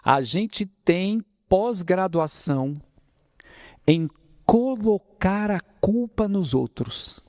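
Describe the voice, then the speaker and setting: A man with a São Paulo interior Brazilian Portuguese accent gives a lively spiritist lecture in a spiritist center hall, addressing the audience as brothers and asking many rhetorical questions. His voice sits high and he speaks very slowly, with clean studio sound and no echo.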